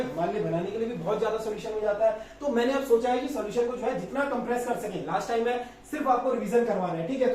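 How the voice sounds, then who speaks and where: A man teaching as an exam coach, going over practice test answers and spelling words out slowly, with a filler he repeats often. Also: high voice, a little mellow. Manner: repetitive, drawn-out spelling of words, frequent filler "thik hai". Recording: very echoey room, distant mic, faint noise.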